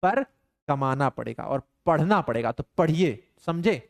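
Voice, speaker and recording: A man's voice: on the high side, lively intonation, measured pace, creaky, dry recording, studio quality. Playful male online physics teacher. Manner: playful, scolding students in banter. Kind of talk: live online class.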